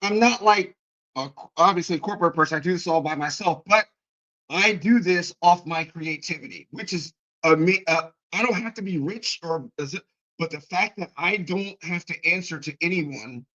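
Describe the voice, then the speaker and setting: A man on a livestream telling a story from his own life in a casual, animated way, swearing freely and restarting often. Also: a little high, normal speed, muffled recording. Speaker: guest.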